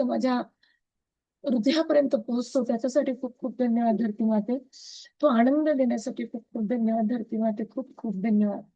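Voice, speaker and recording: Earnest woman chanting thanks, higher voice. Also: dark tone, no room sound, poor audio. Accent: Marathi. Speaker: gratitude practice leader. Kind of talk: devotional gratitude recitation. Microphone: video call.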